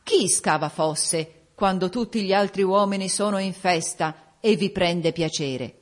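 A woman's voice: lowish voice, a little slow, lightly acted. A woman voicing a mocking, grinning old male ghost who questions a gravedigger brusquely.

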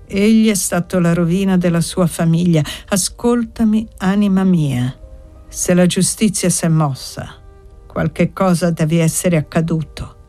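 A woman's voice: fairly low pitch, a little slow, dark tone, faint music behind, lightly acted. A woman voicing a protective older village woman in an audiobook, warning in urgent, cautioning tones. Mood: grave.

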